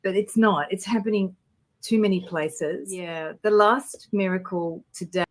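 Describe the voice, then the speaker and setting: A woman's voice: medium pitch, unhurried. A woman guest on a spiritual livestream, talking earnestly and telling stories with animation. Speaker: guest intuitive. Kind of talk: casual spiritual chat.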